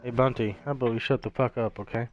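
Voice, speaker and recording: A man's voice: mid-range voice, fairly even intonation, fast. A man trash-talking his friends in casual voice chat while gaming, brash, profane and mocking. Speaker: gamer streaming with friends. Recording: dull lo-fi gaming mic, faint hiss.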